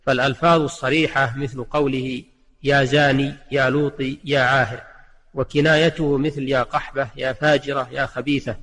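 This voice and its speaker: Man lecturing in formal Arabic, bright, reverberant. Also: mid-range voice, little pitch movement. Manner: formal, measured classical Arabic delivery. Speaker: religious teacher giving a recorded lesson. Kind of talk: scripted religious lecture in formal Standard Arabic. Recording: long hall-like reverb.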